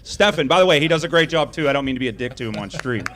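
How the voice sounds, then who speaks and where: A man hosting a casual livestream, joking, teasing the others and giving enthusiastic shout-outs. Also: mid-range voice, lively intonation, rapid-fire, noisy background. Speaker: livestream host.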